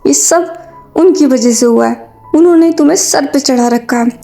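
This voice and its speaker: Woman reading an exasperated young man, scolding, high and mellow, soft music behind. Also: moderate pace, gravelly. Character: hot-tempered young man scolding a stubborn child. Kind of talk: fanfiction storytelling.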